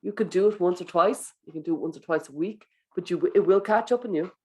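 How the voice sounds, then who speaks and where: A speaker giving a wellbeing talk to teachers in a gentle, coaching manner, guiding breathing exercises and acting out inner thoughts. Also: medium pitch, fast talker, slightly rough. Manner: acts out inner thoughts in quoted voices.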